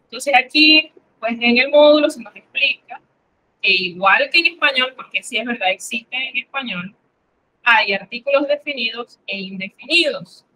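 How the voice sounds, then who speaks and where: A woman's voice: on the high side, moderate pace, sharp tone, poor audio. A woman teaching a French lesson in Spanish, explaining patiently and repeating examples for her students. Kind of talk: classroom lesson.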